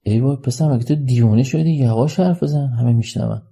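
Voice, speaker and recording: A man's voice: mid-range voice, gravelly, mellow, breathy edge. A man voicing a shy, proper young woman who scolds and pleads in a raised voice, read as part of an audiobook story. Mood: alarmed. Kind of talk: audiobook character reading.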